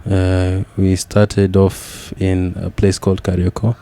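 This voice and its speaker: A young man with a Kenyan accent, a podcast guest reflecting candidly on his upbringing, often pausing with restarts and repeated yeahs. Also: low-pitched, monotone, dark tone, smooth. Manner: reflective, with frequent "yeah" and restarts.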